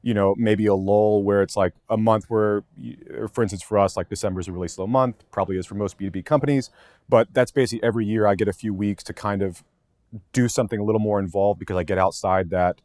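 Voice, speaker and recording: A man talks quickly in a fairly low voice, working through his thoughts as he goes with frequent restarts and hedges. He is a podcast guest speaking casually from an office, and the sound is dry and close with no room echo. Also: fairly even intonation, darkish tone. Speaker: content marketing lead, podcast guest. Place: office with many desks.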